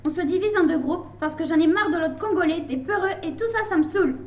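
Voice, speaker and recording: A woman's voice: extremely high pitch, quick pace. A woman in a comic role, giving brusque, bossy orders. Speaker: comic player, lead role. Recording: echoey room.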